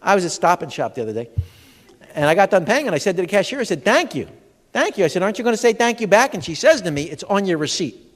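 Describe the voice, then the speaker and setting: A comedian and humor educator performs stand-up before a live audience in a large expo hall, his high voice moving quickly. He's an animated storyteller who acts out dialogue and speaks to the crowd, with long hall reverb on the recording.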